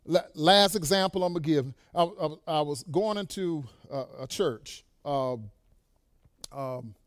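A man preaching a sermon to a church congregation, swelling into loud exclamations and dropping quiet while telling stories, sprinkling in amens. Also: fairly high pitch, no room sound, clean studio sound. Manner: punctuates lines with "amen" and "bless God". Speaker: pastor.

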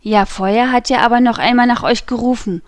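A woman's voice: fairly high pitch, fairly even intonation, a little fast, dry recording, natural voice. A woman playing a fawning gossipy innkeeper.

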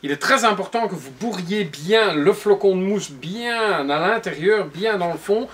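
Recorded on a camera mic in his workshop showroom, a forties-aged upholsterer walks the viewer through cushion making step by step, patient and explanatory. His voice is high-pitched and expressive, delivered at a measured pace.

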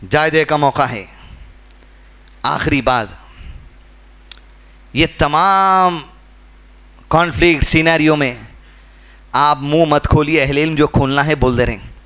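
A man from India giving a mosque sermon, swinging between loud exhortation and low, earnest asides. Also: takes it slowly, pauses often. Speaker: mosque speaker.

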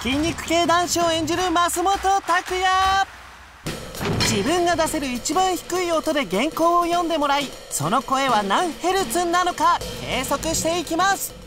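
A woman's voice: very high-pitched, lively intonation, a little slow, music in the background. A woman giving scripted narration for a variety show, introducing contestants.

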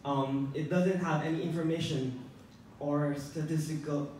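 A teenage boy from Taiwan gives a student contest pitch in careful English, his first language being Mandarin. He stumbles and restarts often, and he speaks into a handheld mic. The sound is an echoey conference hall, caught from far off with faint noise. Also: fairly even intonation, a little slow, darkish tone. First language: Mandarin Chinese. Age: teens. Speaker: student presenter. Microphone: handheld mic, filmed by a far phone camera.

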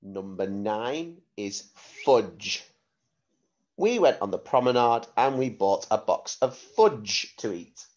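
A man reads out a school spelling dictation at a slow, careful pace. His mid-pitched voice is very lively in intonation as he repeats and spells out words like a primary teacher. The recording is slightly dull and lo-fi. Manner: deliberate, repeats words and spells them out letter by letter.

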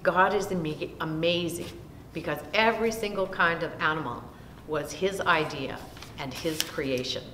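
An older woman slowly reads a Bible story aloud for children, seated in a small room and taking long lists word by word. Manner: slow, deliberate reading of long lists. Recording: roomy echo with long reverb and faint rumble.

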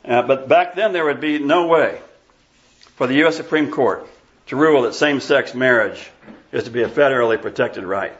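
A man's voice: mid-range voice, moderate pace, lo-fi sound. A pastor in his sixties from Iowa, preaching an emphatic, scornful sermon and bantering with the congregation. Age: 60s. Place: church sanctuary.

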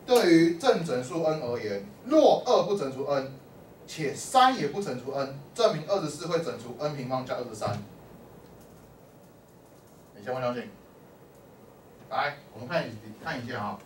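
In this math class lecture, a man with a mid-range, expressive voice speaks at normal speed but leaves long pauses. He keeps quizzing the students, sprinkling in "lai" and "o" calls for answers. The sound is distant and echoey, with a faint hum in the room.

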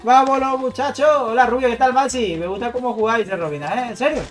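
Excitable man streaming a shooter game. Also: extremely high pitch, fast, faint music behind. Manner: excitable, calls out to teammates and chat. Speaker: gaming streamer. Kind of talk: live gameplay commentary.

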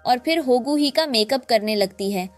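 A woman narrating a drama recap in a lively storytelling way, acting out the quoted lines. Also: fairly high pitch, moderate pace, soft background music.

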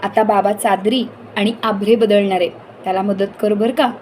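A woman voicing a cheerful, brisk mother with ideas in a children's story. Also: mid-range voice, fairly even intonation, darkish tone, a little hiss or hum, lightly acted.

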